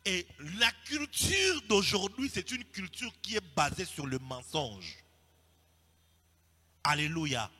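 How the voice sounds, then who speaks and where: Man, sermon, piercingly bright tone, long hall echo, hushed then loud emphatic preaching. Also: sits high, expressive, takes it slowly, breathy edge. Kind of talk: sermon teaching.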